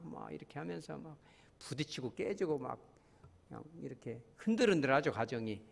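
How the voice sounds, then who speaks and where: Animated Korean pastor preaching in a reverberant hall. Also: male voice, fairly high pitch. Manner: lively preaching, acting out quoted voices and asking the congregation questions. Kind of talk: sermon. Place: church.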